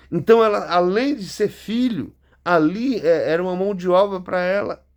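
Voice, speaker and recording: A man preaching a sermon, repeating words and addressing his listeners directly. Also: sits high. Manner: repetitive, stammering emphasis, direct address to listeners.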